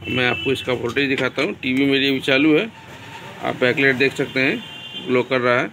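A man with a Bihari Hindi accent calmly explaining a TV repair step by step in a small workshop, filmed on a phone. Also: medium pitch, fairly quick, background noise. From India. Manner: plain, step-by-step explaining, addresses viewers as friends. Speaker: TV repair technician. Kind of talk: repair tutorial narration.

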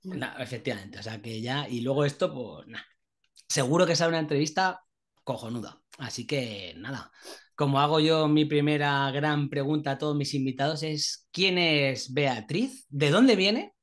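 A man, hosting a relaxed, jokey interview over a video call. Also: fairly high pitch, moderate pace. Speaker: host. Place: small home office. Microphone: earphones with mic on video call.

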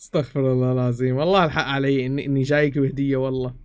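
Fast-talking man pleading in a game. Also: mid-range voice, fairly even intonation, dry recording. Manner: pleading, swearing oaths, laughing often. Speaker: gaming channel host. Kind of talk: casual gameplay chat.

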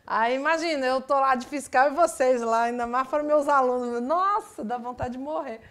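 A woman teaching English in a live online exam-prep class, explaining in a chatty way with lively asides. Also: sits high, normal speed. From Brazil.

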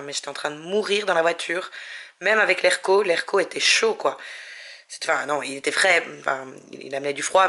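A woman's voice: low voice, bright, forceful tone. A woman chatting casually at home in a book vlog, hesitant with many fillers and restarts. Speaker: book vlogger.

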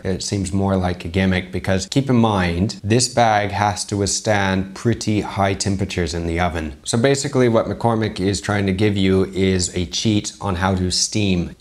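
A young man, a chef, giving skeptical, explanatory commentary while reacting to a cooking video, recorded in a home kitchen on an earphone mic. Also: low voice.

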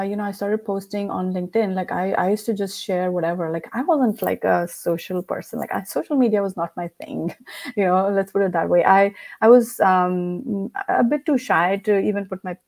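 A company founder with an Indian accent joins a remote podcast as a guest, speaking through a headset mic on a video call from a room at home. Her mid-range, darkish voice keeps a moderate pace in this casual interview chat, and she laughs often, peppering her sentences with "like" and "you know."

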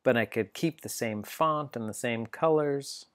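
A man giving a relaxed, step-by-step screen-recorded software tutorial as a teacher. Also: mid-range voice, a little slow.

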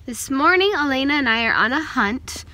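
A woman's voice: high voice, animated, moderate pace, very noisy. A young woman, a mother hosting a casual home vlog, chatting and asking her toddler questions.

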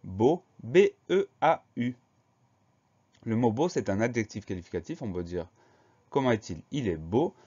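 A man's voice: mid-range voice, big pitch swings, unhurried, mellow, slightly rough, muffled recording. A man teaching a spelling lesson, patiently spelling out each word letter by letter.

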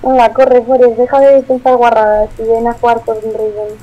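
Teasing woman, higher voice. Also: flat delivery, moderate pace, warm tone, muffled recording. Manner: short replies, teasing, laughs. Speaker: co-player. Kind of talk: casual chat while gaming.

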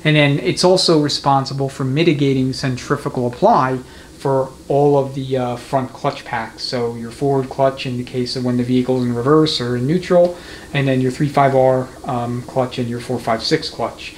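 A mechanic walks through a transmission job in an indoor workshop, explaining methodically in a relaxed, unscripted way as he demonstrates. His tone is steady, his voice mid-range, and his speed normal, with clear shop noise behind him.

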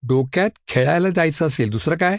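Brief: man doing a stern storybook mother, sharp and scolding. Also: on the high side, lively intonation, a little fast, no room sound, studio quality, voice pushed up. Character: strict scolding mother of a schoolboy.

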